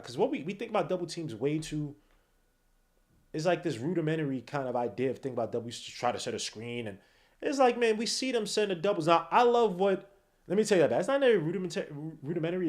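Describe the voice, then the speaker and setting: Late at night, a tired man hosts a basketball podcast, yawning as he rambles. His voice swings between low mutters and loud outbursts.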